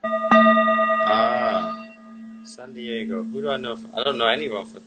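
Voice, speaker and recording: A man hosting a livestream, chatting with callers in a relaxed, brief way. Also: mid-range voice, slow, music in the background. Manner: laid-back, relaxed, brief replies. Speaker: livestream host. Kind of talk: casual chat.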